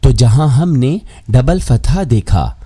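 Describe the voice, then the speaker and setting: A man teaching Quran pronunciation rules in a measured, scripted lesson. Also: mid-range voice, expressive, warm tone, husky.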